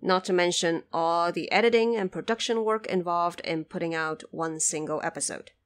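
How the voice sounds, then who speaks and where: A Chinese woman who hosts a podcast and produces audio dramas reads a scripted announcement to her listeners from a bedroom home studio. Her fairly low voice moves at normal speed, emphatic and clearly structured.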